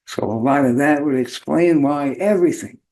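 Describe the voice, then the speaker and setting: Hoarse, gravelly man hosting informally. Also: on the high side, normal speed, a little mellow. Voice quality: hoarse, beat-up voice. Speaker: host of a spirituality show. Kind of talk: informal monologue to the audience.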